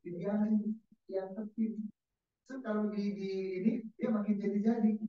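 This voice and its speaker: A man's voice: high-pitched, little pitch movement, moderate pace. A male pastor giving a casual, interactive sermon and quizzing his congregation with questions. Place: church service. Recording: echoey church hall, distant dull mic.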